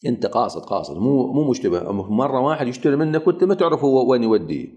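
A man's voice: mid-range voice, darkish tone. A man with an Iraqi Arabic accent, teaching a lecture that explains a legal text through everyday examples and rhetorical questions. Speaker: religious teacher.

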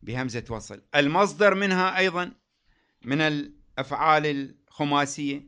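A man teaching a grammar lesson. He asks the class questions, answers them himself, and draws out example words slowly. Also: fairly high pitch, bright, forceful tone, clear, resonant tone.

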